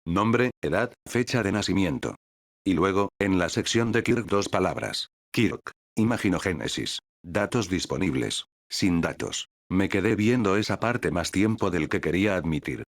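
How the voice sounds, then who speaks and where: A man's voice: low voice, lively intonation, normal speed, dry recording, clean studio sound. A man narrating a first-person fan story in a wry, casual manner. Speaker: fanfic narrator.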